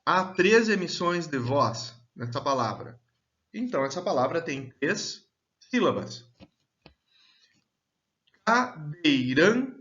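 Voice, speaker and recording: A man teaching a grammar lesson, speaking slowly and deliberately and drawing out example words. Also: on the high side, big pitch swings, fairly bright tone. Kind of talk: slow, clear grammar lesson. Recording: dull, lo-fi sound.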